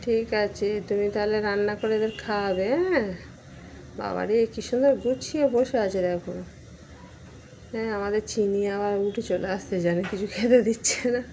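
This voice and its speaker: A woman's voice: mid-range voice, normal speed, darkish tone, slight background noise. A woman vlogger talking fondly to her pets at home while she cooks, calling their names again and again. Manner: coos and calls out pet names over and over. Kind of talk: casual talk to pets while cooking.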